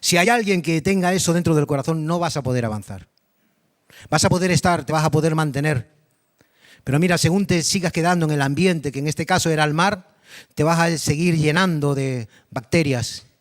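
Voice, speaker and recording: High-voiced pastor preaching. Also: male voice, fairly quick. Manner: animated, dramatic storytelling with repetition; addresses the congregation directly with questions. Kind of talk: sermon. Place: church congregation.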